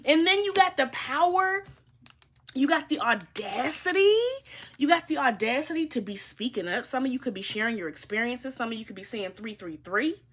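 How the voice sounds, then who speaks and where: Woman tarot reader, higher husky voice, blunt, profane, emphatic. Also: expressive, moderate pace, a bit bright. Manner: emphatic, swears freely, speaks straight to the listener. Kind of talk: casual spiritual reading.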